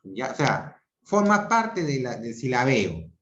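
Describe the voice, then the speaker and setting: A Peruvian man teaching an online grammar class. He talks slowly and deliberately, repeats each example syllable by syllable, and keeps checking in with "¿ok?" and "¿ya?". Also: mid-range voice, big pitch swings, fairly bright tone. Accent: Peruvian Spanish. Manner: checks understanding with frequent "¿ok?" and "¿ya?". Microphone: video call. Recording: roomy, dull video-call audio.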